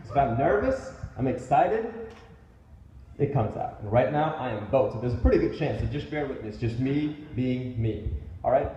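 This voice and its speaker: A man in his late twenties giving an animated, joking motivational speech to a crowd at a business event. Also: medium pitch, moderate pace, slight background noise. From Indian heritage. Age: late 20s. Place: large indoor event hall. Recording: echoey event hall, dull sound.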